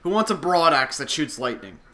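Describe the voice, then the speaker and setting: A man's voice: a little high, sing-song, brisk, over a noisy crowd. A man chatting casually over a co-op game, joking, exclaiming and swearing freely. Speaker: video game player. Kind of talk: casual co-op gaming chat.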